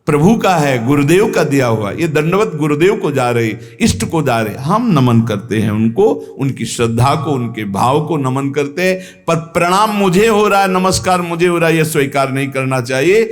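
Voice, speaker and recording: A man's voice: on the high side, lively intonation, normal speed. Emphatic male preacher in a reverberant hall. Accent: North Indian Hindi. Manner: earnest, emphatic, repeats key phrases. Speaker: spiritual teacher giving satsang. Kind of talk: devotional sermon. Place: ashram hall.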